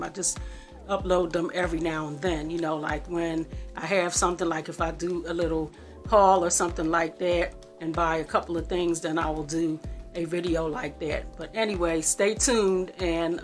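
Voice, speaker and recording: A woman's voice: fairly low pitch, a bit bright. A middle-aged woman talking casually to viewers in a rambling, homey and affectionate way, as a cooking vlogger. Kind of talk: casual home vlog chat. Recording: faint background music.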